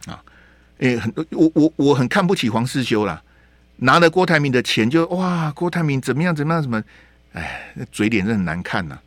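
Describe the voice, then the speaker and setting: A male radio talk show host with a Taiwanese accent delivers opinionated political commentary from a radio studio, his medium-pitched voice fairly bright and free of echo. He sounds heated as he comments on current events, firing off rhetorical questions and repeating his words.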